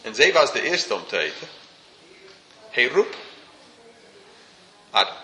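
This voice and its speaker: Casting: informal, chuckling male preacher, bright tone, roomy hall. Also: mid-range voice, big pitch swings, slow. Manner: informal, chuckling, slightly broken grammar. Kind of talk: sermon. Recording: roomy hall with faint hum.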